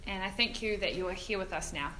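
A woman leading an informal, halting spoken prayer at a church service. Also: mid-range voice, pushed and bright, slight background noise, poor audio.

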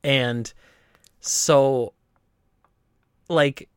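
A man's voice: medium pitch, fairly even intonation, drawn-out words, clean tone, no echo, studio quality. Rambling man in his late thirties. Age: 30s. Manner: rambling, many fillers and restarts. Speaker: podcast co-host. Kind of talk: casual chat.

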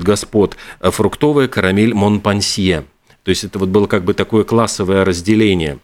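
A male co-host with a fairly low voice, telling bits of trivia in casual chat. He pauses often and leans on hesitant fillers between phrases. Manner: hesitant, halting, many fillers.

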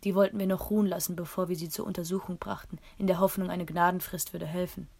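A woman reading a first-person story aloud in a calm, measured way. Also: fairly low pitch, creaky. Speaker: audiobook narrator.

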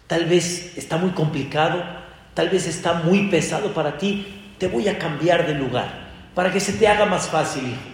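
A man's voice: on the high side, moderate pace, pitched above the performer's own voice, natural voice. A man voicing a doting rich father who coaxes and insists with his grown son. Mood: coaxing. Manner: coaxing, gently insistent. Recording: echoey hall.

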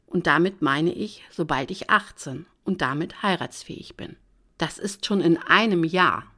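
A woman reading a novel aloud in the first person, with a lively, dramatic and sarcastic delivery. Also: on the low side, measured pace. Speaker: audiobook reader.

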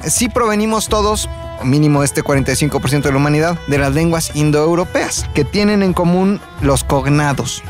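A man's voice: on the high side, a little fast, soft background music. A man with a Mexican accent, casually explaining a topic from his notes to friends, with lots of fillers. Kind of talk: casual group chat.

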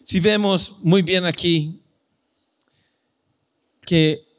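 A man's voice: high voice, fairly even intonation, drawn-out words. A male pastor preaching a sermon in an earnest, conversational way, often correcting himself.

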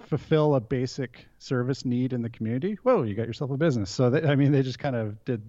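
A Canadian man in his thirties talks as a guest, wandering through his answers with fillers and restarts. His voice sits at an ordinary pitch. The sound is dry and a little dull. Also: fast talker, dark tone, dry recording. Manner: rambling with many fillers and restarts. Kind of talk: casual interview.

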